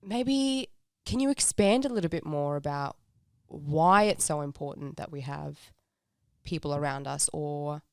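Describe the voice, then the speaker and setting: A woman co-hosts a faith podcast and asks thoughtful interview questions. Her voice sits low with a gravelly fry, and the recording is dry and close. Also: unhurried, no room sound. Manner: warm, affirming, thoughtful. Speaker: podcast co-host.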